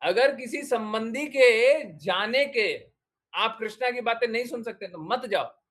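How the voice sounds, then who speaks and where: A man's voice: very high voice, measured pace, fairly bright tone. A man giving a devotional discourse, exhorting his listeners with repeated short commands and questions. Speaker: spiritual teacher.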